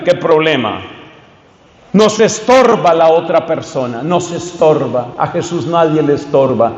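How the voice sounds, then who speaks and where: A man, a priest preaching a fervent sermon that rises to loud calls and leads the crowd in repeated chants. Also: fairly high pitch. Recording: echoey hall, dull sound.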